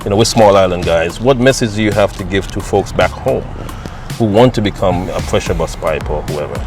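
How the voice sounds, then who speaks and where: Man, Kittitian and Nevisian accent, low pitch, podcast host, interview style, music in the background. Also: brisk. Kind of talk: interview and show presenting.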